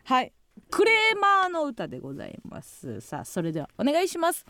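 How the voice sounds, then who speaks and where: A woman with a Kansai accent hosts a studio radio show in casual chat. Her voice sits high and swings widely in pitch. It sounds close and dry, with no room around it. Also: huge pitch swings, fairly quick, pushed and bright, dry recording. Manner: laughs often, reads listener letters. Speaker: radio host.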